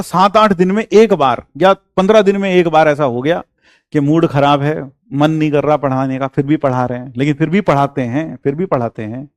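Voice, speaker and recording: A middle-aged male coaching teacher lectures students in a fairly high voice. He talks earnestly and repeats key phrases for emphasis. The sound is dry and close. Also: dry recording. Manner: teasing sarcasm turning earnest, repeats phrases.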